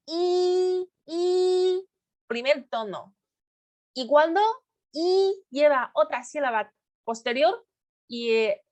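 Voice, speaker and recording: Woman teacher, high lively voice, very slow and patient, drawn-out tone drills. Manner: slow, patient, repeats syllables with exaggerated tones. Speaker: Mandarin teacher. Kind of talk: slow language lesson.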